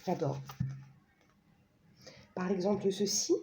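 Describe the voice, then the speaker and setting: Slow, hesitant, mellow-voiced woman. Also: fairly low pitch. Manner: hesitant, full of fillers and tag questions; chatty and self-mocking. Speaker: vlogger presenting a pendulum and an oracle deck. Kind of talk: casual product presentation.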